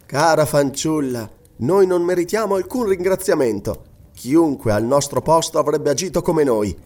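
A man voicing a gentle noble lady who speaks in a calm, measured, reassuring way, in an audiobook. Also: on the high side, pitched above the performer's own voice, lightly acted. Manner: measured, soothing. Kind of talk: audiobook reading.

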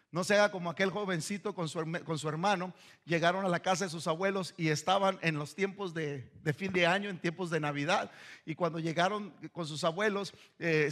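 Man, pastor, fervent sermon, high voice, bright tone. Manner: fervent preaching, telling anecdotes with laughter.

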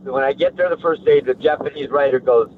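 A man's voice: medium pitch, brisk. Man rambling over a tinny line. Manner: rambling, profane, animated anecdotes. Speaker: actor guest. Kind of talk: casual storytelling. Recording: tinny phone-like line, noisy.

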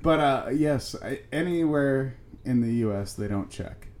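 Animated man bantering on a podcast. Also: mid-range voice, measured pace. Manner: animated, swearing, interjecting. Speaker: podcast host.

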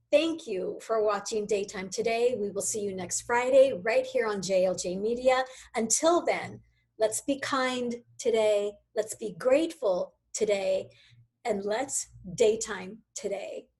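Brief: bubbly female host, fairly high voice, casual soap-talk show. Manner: bubbly, upbeat sign-off.

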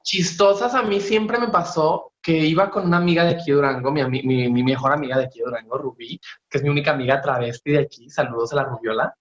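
A man's voice: fairly high pitch, fairly even intonation, fast talker. A man with a Mexican accent in a casual chat, telling a story in slangy, chatty speech. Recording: echoey, dull lo-fi sound.

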